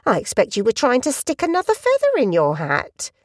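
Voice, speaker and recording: A woman's voice: fairly high pitch, wildly swooping pitch, a little fast, no echo, studio quality, voice pushed up. A woman voicing a bossy, scolding middle-aged housewife in a storybook reading, lecturing in a matter-of-fact tone. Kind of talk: storybook read-aloud.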